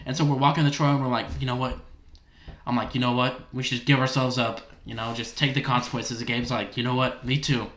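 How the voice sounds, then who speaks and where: A young man co-hosting a casual podcast, excitedly retelling a story, swearing often and acting out his friends' lines. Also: mid-range voice, brisk. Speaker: podcast co-host. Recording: roomy echo.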